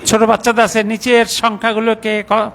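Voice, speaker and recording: A middle-aged man teaching a grammar class in a mosque, patiently reciting word forms slowly one by one. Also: sits high, completely flat delivery, creaky, a bit bright, a little hiss or hum. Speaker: Arabic teacher.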